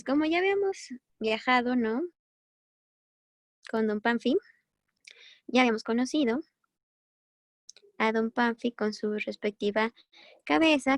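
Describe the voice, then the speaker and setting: A woman's voice: fairly high pitch, no room sound. A woman teaching a biochemistry lesson in a chatty, encouraging way, often correcting herself as she goes. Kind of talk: recorded online class.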